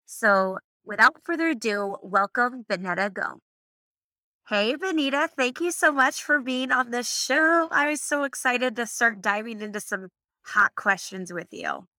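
A woman's voice: fairly high pitch, unhurried, pushed and bright, no echo. A woman hosting a podcast, introducing the show and interviewing in an upbeat style. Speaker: podcast host.

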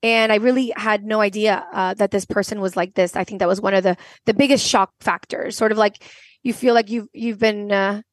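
A woman's voice: mid-range voice, steady tone, no room sound. Earnest woman in her forties from Venezuela. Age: 40s. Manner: earnest, halting with restarts. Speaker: podcast guest. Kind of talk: candid personal storytelling.

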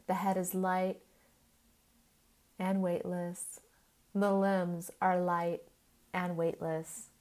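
Very slow, low-voiced woman guiding sleep relaxation. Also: little pitch movement, darkish tone. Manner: soothing, measured, short phrases with long pauses. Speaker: yoga nidra guide. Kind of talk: slow guided relaxation meditation, like a sleep story narrator.

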